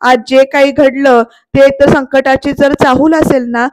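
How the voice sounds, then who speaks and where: A woman voicing an anxious old grandmother who speaks slowly about her fears. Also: sits high, steady tone, darkish tone, no echo. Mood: worried. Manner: anxious, slow.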